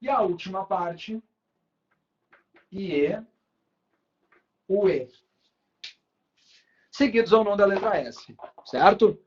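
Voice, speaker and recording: High-voiced Brazilian teacher, lo-fi. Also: male voice, animated. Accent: Brazilian Portuguese. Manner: slow, drawn-out emphasis on key words, checks in with students often. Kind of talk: classroom grammar lesson at a board.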